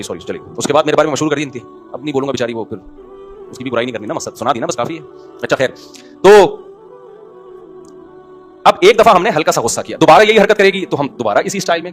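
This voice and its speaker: A middle-aged man preaching at a quick clip in a slightly raised voice, full of everyday stories and rhetorical questions to his audience. His delivery is casual and wry, with joking asides. Faint music sits underneath. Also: a little high, fairly bright tone. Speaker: Islamic scholar and preacher. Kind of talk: conversational sermon.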